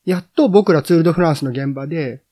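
A middle-aged man talking as a podcast guest, reminiscing in an unhurried way with many drawn-out fillers. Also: a little high, dark tone. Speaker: guest, editor and cycling journalist. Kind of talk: casual podcast conversation.

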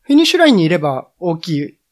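A middle-aged man talking as a podcast guest, reminiscing in an unhurried way with many drawn-out fillers. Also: sits high, wildly swooping pitch. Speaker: guest, editor and cycling journalist. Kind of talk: casual podcast conversation.

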